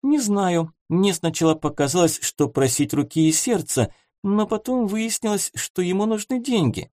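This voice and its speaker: A man reading an audiobook, voicing a curious young noblewoman in a raised girlish pitch. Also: normal speed, a little mellow, no echo, lightly acted. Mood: prim, curious. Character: young flustered noble girl, curious baroness. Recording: dry close studio sound.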